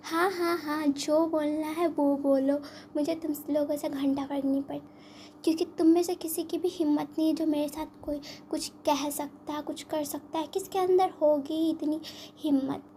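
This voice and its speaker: A woman voicing a haughty, fearless young villainess noblewoman in a storybook-style comic retelling, speaking slowly and deliberately. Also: high voice, fairly even intonation, mellow, slight background noise. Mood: defiant.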